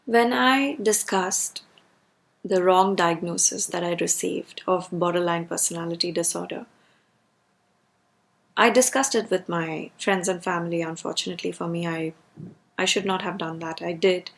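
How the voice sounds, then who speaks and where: A woman's voice: on the low side, steady tone, normal speed, vocal fry. A woman delivering a personal rant as a video creator, speaking emphatically and repeating words for stress.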